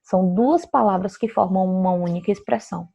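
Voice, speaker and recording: A woman's voice: mid-range voice, brisk, vocal fry, mellow, husky. A woman teaching a grammar lesson, explaining patiently and often checking in with her students.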